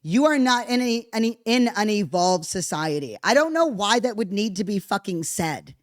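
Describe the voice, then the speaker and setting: A woman hosts a podcast and comments on news clips in a blunt, profane, animated way. Her voice is close and dry, with no room sound around it. She speaks at an everyday pitch. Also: normal speed, no echo. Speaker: podcast host. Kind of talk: casual commentary on played clips.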